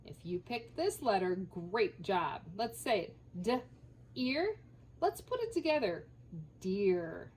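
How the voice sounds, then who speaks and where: A woman teacher leading a children's phonics lesson, sounding out letters slowly and encouragingly. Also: medium pitch, sing-song, breathy edge.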